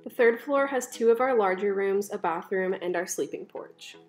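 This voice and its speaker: A woman's voice: medium pitch, moderate pace, faint music behind. A young woman giving scripted voice-over narration for a house tour, upbeat and informative. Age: young adult.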